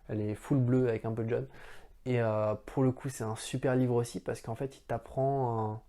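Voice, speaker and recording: Man, warm low-key tone, casual to-camera Q&A host, chatty. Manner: friendly, talks straight to the viewer as tu; chatty, rambling asides. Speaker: YouTuber answering viewer questions.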